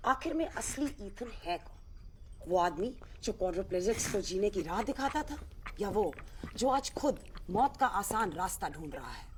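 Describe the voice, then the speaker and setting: An actress playing a TV news anchor who reads a report with formal, dramatic delivery in a film. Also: female voice, medium pitch, sing-song, moderate pace, a little hiss or hum, natural voice.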